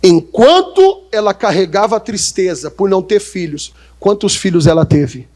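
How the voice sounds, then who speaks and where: A Brazilian-accented male pastor preaching in church, with a high voice. He keeps firing questions at his congregation and waits for answers. Quoted speakers get sudden, sharp leaps in pitch. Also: lively intonation, moderate pace. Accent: Brazilian Portuguese. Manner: call-and-response, questioning the congregation. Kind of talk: sermon.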